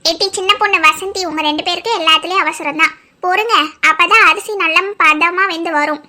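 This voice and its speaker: Squeaky, shrill village women bickering over the cooking in a cartoon comedy, all voiced by one woman. The voice is very high and sharp, bossy and scolding, sped up like a cartoon. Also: a little fast, heavily acted.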